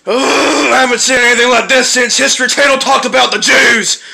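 A man doing a shrill, gravelly, furious paranoid ranter. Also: fairly even intonation, a little fast, heavily acted. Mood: furious ranting. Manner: yelling, cursing constantly, rambling and losing his words. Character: furious paranoid conspiracy-minded man, foul-mouthed, easily sidetracked. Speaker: comedy skit character. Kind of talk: comedic rant skit.

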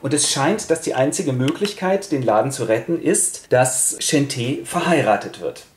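A man's voice: medium pitch, animated, moderate pace, roomy sound, a little hiss or hum. Casual man retelling a play playfully. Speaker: host. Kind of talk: comic retelling with toy figures.

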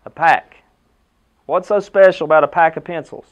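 A man's voice: fairly high pitch, normal speed. A middle-aged American man, a basketball coach, giving a motivational locker-room pep speech in short emphatic phrases with rhetorical questions. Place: indoor team locker room. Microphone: camera a few metres away.

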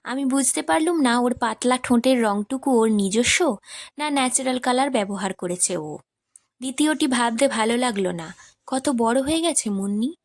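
A woman narrating a literary short story as an audiobook, in a measured, expressive reading. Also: on the high side, no room sound.

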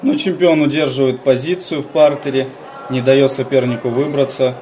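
A man's voice: medium pitch, steady tone, moderate pace, warm tone, a little hiss or hum. A man giving live sports commentary on a fight as the second commentator.

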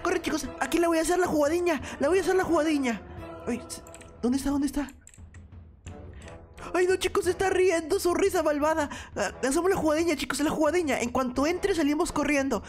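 A woman hosting a gaming video, commenting excitedly to viewers and repeating phrases urgently over background music. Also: high-pitched, fairly quick. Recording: music behind the voice.

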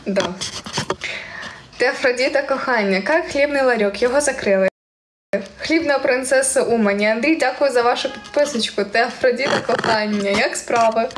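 A young woman from Ukraine speaking with a central Ukrainian surzhyk accent, chatting casually on a live stream and reading viewer comments aloud with frequent giggles. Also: a little high. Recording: echoey room with faint ambient noise.

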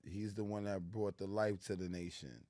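A man's voice: on the low side, steady tone, moderate pace, dark tone, no room sound, clean studio sound. A middle-aged man with a New York accent, a guest in a casual interview, talking in a laid-back street manner full of "you know what I'm saying". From New York City. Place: small studio lounge with plants, indoors. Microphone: studio mic on a boom arm.

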